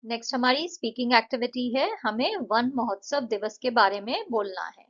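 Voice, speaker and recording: A woman's voice: fairly high pitch, fairly bright tone, muffled recording. Woman teacher explaining English exercises. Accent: Indian English. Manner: explains step by step, stretches out words slowly to model syllables. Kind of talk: Hindi-English exercise walkthrough.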